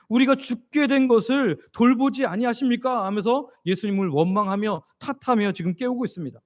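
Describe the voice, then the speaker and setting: A man preaching an expository sermon as pastor, asking his congregation questions and answering them himself. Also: sits high. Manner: leads the congregation in reading scripture aloud.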